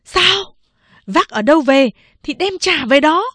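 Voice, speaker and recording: A woman's voice: sits high, lively intonation, unhurried, dry recording, studio quality, voice pushed up. A woman voicing a frightened, stern mother who speaks sharply and anxiously in an audiobook.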